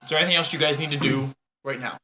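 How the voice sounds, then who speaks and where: A man acting as game master, reading setting lore in a measured voice and explaining dice results to his players. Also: a little high, fairly even intonation, pushed and bright, slight background noise, poor audio. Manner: reads lore in a measured voice, laughs between rulings. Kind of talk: narrating a tabletop game.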